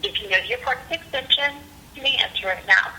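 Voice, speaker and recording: A woman's voice: high-pitched, fairly quick, bright, forceful tone, a little hiss or hum, poor audio. Woman's recorded greeting over a landline phone. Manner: polished, scripted announcer delivery. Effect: heard over a landline phone. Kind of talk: recorded phone menu message.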